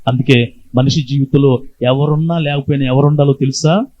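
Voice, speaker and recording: A man's voice: mid-range voice, fairly even intonation, brisk, mellow. A male pastor preaching a sermon, telling a story and calling on the congregation to respond. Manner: call-and-response, urging the congregation to answer. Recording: slightly dull lo-fi recording.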